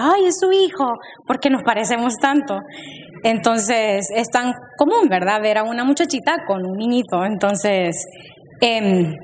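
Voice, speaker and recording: A young woman tells her personal testimony in a hesitant way, pausing often and filling the gaps. Her voice carries a long reverb from a church hall, with faint room ambience behind it. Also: medium pitch, slight background noise. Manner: hesitant, with many pauses and fillers.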